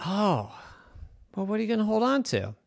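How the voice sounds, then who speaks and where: A friendly, chatty walrus, voiced by a man telling a bedtime story, high and bouncy. The voice swoops all over and sits close and dry in the ear. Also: wildly swooping pitch, normal speed, creaky, dry recording, full character voice.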